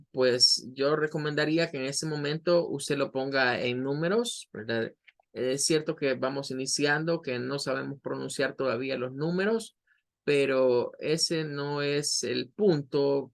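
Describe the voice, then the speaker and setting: A man with a Latin American Spanish accent teaching a recorded online English lesson, patiently explaining and repeating words slowly for practice. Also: medium pitch, creaky.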